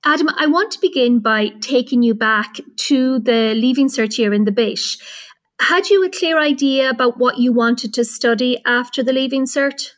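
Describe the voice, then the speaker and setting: A woman with an Irish accent hosts a podcast interview. Her voice sits a little high. She puts her questions in an encouraging, attentive way. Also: normal speed. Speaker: podcast host.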